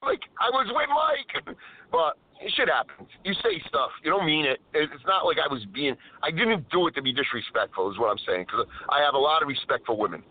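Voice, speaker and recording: A man's voice: fairly high pitch, very animated, brisk. A man telling stories as a caller on a live show, calling in over his car speakerphone while he drives, often stopping to correct himself mid-sentence. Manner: rambling storyteller who keeps interrupting himself. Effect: car speakerphone call while driving. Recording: tinny dry phone line.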